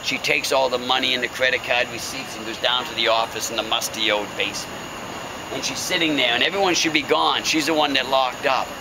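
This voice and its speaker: A man's voice: mid-range voice, steady tone, fairly quick, background noise. A man working as a ghost tour guide, telling a story casually and dramatically with wry, folksy humour and suspenseful phrasing. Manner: folksy, wry, joking delivery.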